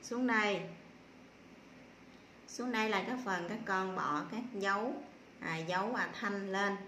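A woman primary school teacher giving a slow spelling lesson to young children, patiently sounding out syllables one by one with filler pauses. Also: medium pitch, pushed and bright, roomy sound, a little hiss or hum.

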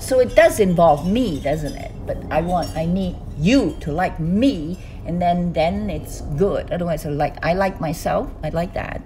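An older woman from Hong Kong talking to her phone in a loose, animated monologue, gesturing as she speaks. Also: measured pace, few pauses, a little hiss or hum. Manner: animated, gesturing with both hands, swooping pitch. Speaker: vlogger. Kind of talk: casual monologue to camera. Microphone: phone on a stand close to her.

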